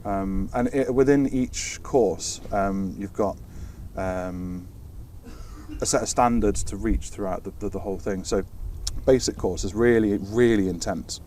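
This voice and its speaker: Picked up by a distant mic amid faint background noise and ambience, a British man with a fairly low pitch and darkish tone speaks at a measured pace. He's chatting informally in an interview, explaining technical air traffic control work and hesitating and restarting words along the way.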